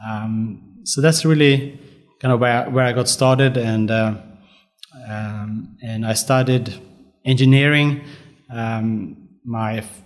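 A man in his forties, from Sweden, answering interview questions in a measured way, with many pauses and fillers. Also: medium pitch, steady tone. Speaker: guest fund manager.

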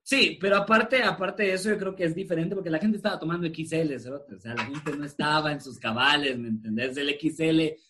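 A Guatemalan man co-hosting a podcast in casual chat, joking with quick interjections and crude slang. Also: fairly high pitch, noisy background. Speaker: podcast co-host.

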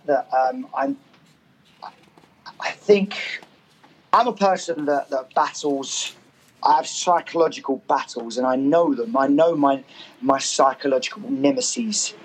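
A man with a slightly raised voice, croaky and a little worn. He talks in a hesitant, conversational way, with frequent ums and restarts, as a guest on an interview podcast. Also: a little high, poor audio. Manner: hesitant, many ums and repeated words. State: croaky voice after a gig. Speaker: guest, author and working musician.

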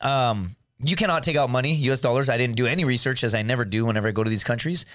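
A man in his thirties, a comedian guest on a podcast, telling stories in casual chat, animated and swearing, saying dude a lot. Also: mid-range voice, rapid-fire, no echo, clean studio sound. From United States.

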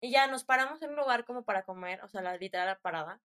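A woman's voice: mid-range voice, animated, fast talker, a bit bright. A young woman with a Mexican Spanish accent, chatting casually and rambling through a story with slangy fillers.

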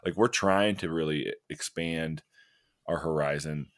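Very deep-voiced male podcast host. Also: measured pace, fairly bright tone, no echo, clean studio sound. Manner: rambling, self-interrupting, laughs at himself. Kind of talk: casual podcast chat.

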